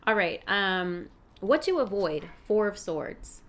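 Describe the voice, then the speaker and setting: Against rush-hour street noise, a woman acting as a tarot reader and fortune teller gives a casual reading, speaking slowly and very animatedly at a medium pitch. She addresses the listener directly and familiarly, offering emphatic advice.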